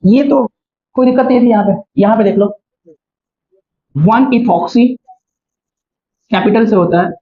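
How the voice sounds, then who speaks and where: A man's voice: sits high, fast talker. A male chemistry teacher giving a classroom lecture, explaining step by step and often checking in with his students. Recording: dull lo-fi recording.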